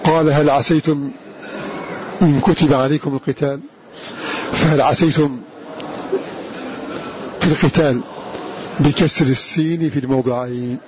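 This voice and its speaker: A man giving a measured lecture on Quran readings, repeating verse lines slowly before explaining them. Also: on the high side, fairly even intonation. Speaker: Quran recitation teacher. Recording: dull lo-fi recording with clear hiss.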